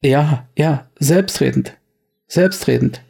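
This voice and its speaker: A man's voice: a little high, slow pace, vocal fry, mellow, husky, exaggerated voice. A man voicing a nervous, stammering male bar owner, pleading and anxious.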